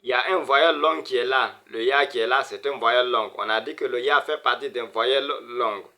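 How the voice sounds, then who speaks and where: A man's voice: medium pitch, a little fast, bright, forceful tone. A man teaching a beginner Arabic reading lesson, sounding out words syllable by syllable and repeating them. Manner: greets viewers as brothers and sisters.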